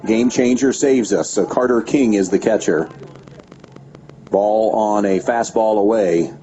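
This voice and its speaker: A man calling a high school baseball game play by play on local radio, giving steady pitch-by-pitch calls with stats between pitches. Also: measured pace, soft background music. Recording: dull lo-fi radio broadcast with faint background noise.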